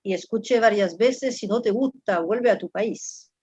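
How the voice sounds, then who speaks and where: A French professor in her fifties, with a French accent, speaks as a guest in a reflective, conversational interview. Her mid-range voice is a little slow, a little mellow and slightly rough, and she pauses often, repeating words while searching for the next. The recording is dry and dull.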